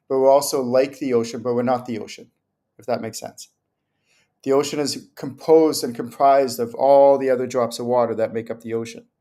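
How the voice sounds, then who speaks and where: A man's voice: mid-range voice, darkish tone. A man hosting a spiritual question-and-answer livestream, explaining in a loose, rambling way and acting out little anecdotes. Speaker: spiritual teacher hosting a Q&A show. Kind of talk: casual livestream talk.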